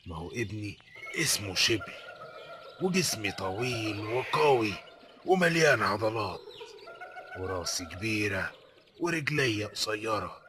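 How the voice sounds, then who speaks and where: A man's voice: lowish voice, animated, a little slow, pauses often, noisy background. A man with an Egyptian accent voicing a proud, friendly male lion who explains facts to children in an educational cartoon. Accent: Egyptian Arabic. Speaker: narrating animal character for children.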